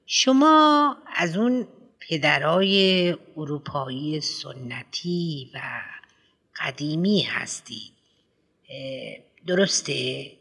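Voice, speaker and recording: A man reading an audiobook, voicing a fussy middle-aged woman who heads a school, speaking hesitantly and full of drawn-out ums. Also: on the high side, animated, vocal fry, bright, forceful tone, breathy edge, exaggerated voice. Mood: lecturing.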